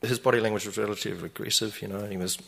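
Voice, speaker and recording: A man's voice: on the low side, fairly even intonation, racing, vocal fry, fairly bright tone, breathy edge. A man telling a personal anecdote, hesitant with frequent fillers, acting out the people he quotes. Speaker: storyteller.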